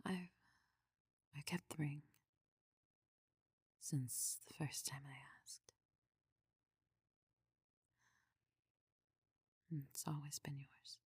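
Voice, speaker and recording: A regal necromancer queen, acted by a woman in a whispered fantasy role-play. Her low voice is very breathy and husky, recorded dry and close. She speaks in formal, measured phrases, devoted yet possessive and controlling. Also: fairly even intonation, a little mellow, no room sound, full character voice. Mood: tender, yearning.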